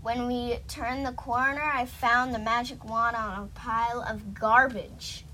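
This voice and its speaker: A woman reading a children's storybook aloud in a gentle, expressive way. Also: on the high side, a little slow, a little hiss or hum, low-quality recording. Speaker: storybook reader.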